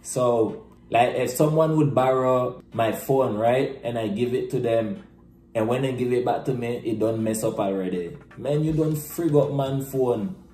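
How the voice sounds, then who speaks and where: A man's voice: mid-range voice, moderate pace, warm tone. A young man with a Nicaraguan Creole accent, explaining things casually and conversationally with everyday examples. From Bluefields, Nicaragua. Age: young adult. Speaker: presenter explaining Creole slang. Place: small plain room indoors. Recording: roomy echo, camera mic.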